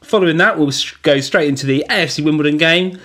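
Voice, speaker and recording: A man co-hosting a casual football podcast, chatty and quick to laugh. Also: fairly high pitch, pushed and bright. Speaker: podcast co-host.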